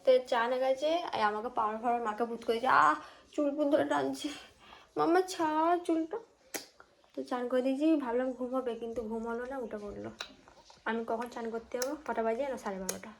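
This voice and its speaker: A woman's voice: fairly high pitch, fairly even intonation, fast talker, gravelly, slight background noise. A young woman chatting to the camera while looking after her baby at home. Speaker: vlogger and mother. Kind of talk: casual home vlog talk. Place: family home and rooftop.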